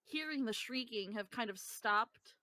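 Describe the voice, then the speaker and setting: A woman's voice: on the high side, measured pace, no room sound. Chatty woman game master, dry sound. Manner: relaxed, chatty with fillers. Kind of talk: narrating a tabletop game.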